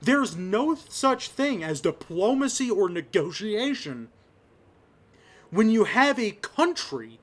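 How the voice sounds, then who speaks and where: Impassioned man, slow and emotional. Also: high-pitched, sing-song. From Las Vegas, Nevada. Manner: slow, impassioned, rising to shouts of anger. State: choked up. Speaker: vlogger. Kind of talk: personal commentary monologue.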